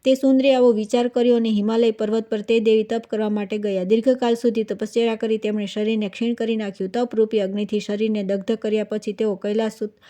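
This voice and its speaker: A woman reads a devotional scripture tale aloud as a storyteller. Her voice sits a little high but sounds mellow and soft-edged. She keeps a flat, even recitation throughout.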